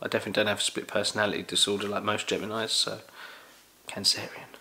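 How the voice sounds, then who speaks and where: A young man with a London accent, casually answering Q&A questions in a jokey, animated way. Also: on the low side, fast. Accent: London English. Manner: animated, jokey, exclaims loudly. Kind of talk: casual Q&A chat.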